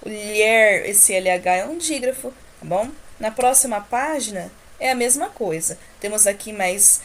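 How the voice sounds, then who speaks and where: A Brazilian woman teacher going over homework corrections for young children, asking questions and answering them herself and drawing out example words slowly. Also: medium pitch, animated, a little hiss or hum. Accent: Brazilian Portuguese. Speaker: primary school teacher.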